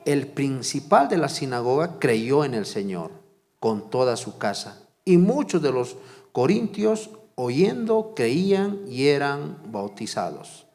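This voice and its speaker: A man's voice: mid-range voice, a little mellow, in a large hall. A man preaching a sermon as pastor, fervent and repetitive, asking the congregation question after question. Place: church.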